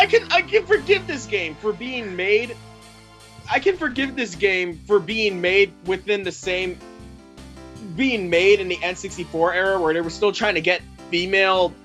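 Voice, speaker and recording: Brief: high, bright-voiced male co-host, excitable, voice leaping all over, faint game music behind. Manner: excitable and joking, with wild swings in pitch. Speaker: let's play co-host. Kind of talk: casual gameplay commentary.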